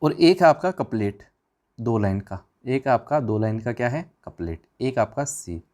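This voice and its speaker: A man's voice: medium pitch, expressive, a little slow, a little mellow. A man teaching an exam revision class, firing questions at the students and answering them himself in a chatty, informal way.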